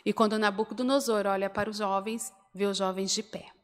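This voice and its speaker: A woman's voice: mid-range voice, flat delivery, a little fast. A woman with a Brazilian Portuguese accent preaching a sermon. She retells a story and swells into emphatic appeals to her listeners. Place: church hall, indoors. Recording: long church reverb.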